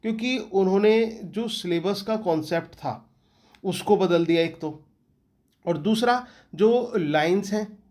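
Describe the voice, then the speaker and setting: A man with an Indian accent speaks in a high-pitched, slightly mellow voice. He teaches English literature and is delivering an exam-prep lecture, frequently echoing his students' questions back to them.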